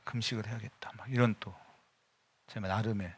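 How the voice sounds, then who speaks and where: A middle-aged man preaching an afternoon sermon as senior pastor in a church. He speaks personally and emphatically, moving between casual talk and sudden loud bursts of prayer. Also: lowish voice, steady tone, normal speed, slightly rough. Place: church sanctuary.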